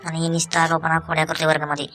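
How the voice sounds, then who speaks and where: Woman playing a strict cartoon teacher guy, low flat voice, rattles off scolding fast, music behind. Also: natural voice. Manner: scolding, rapid. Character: stern male village schoolteacher, scolding. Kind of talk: cartoon voice acting. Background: background music.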